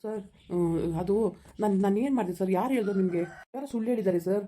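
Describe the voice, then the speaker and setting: A desperate young man who begs and stammers in a rushed, mellow voice, played by a woman. He pleads very fast, tripping over his words. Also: mid-range voice, lightly acted. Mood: pleading. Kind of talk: village skit acting.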